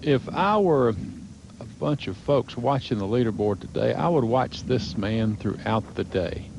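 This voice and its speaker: A man's voice: medium pitch, expressive, measured pace, creaky. A man delivering live golf commentary on a television broadcast. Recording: noisy outdoor broadcast ambience.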